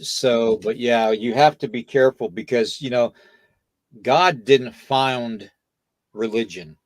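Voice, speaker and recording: A man's voice: mid-range voice, normal speed, darkish tone, no room sound. A man hosting a podcast, talking casually in a lecturing way and checking in with "okay?" and "you know" between points. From United States. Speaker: podcast host.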